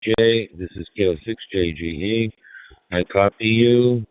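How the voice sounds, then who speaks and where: A man giving call signs in a slow, measured, formal way as an amateur radio operator, heard over ham radio with static. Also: lowish voice, dry recording. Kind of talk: radio contact exchange. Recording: narrow phone-like radio audio.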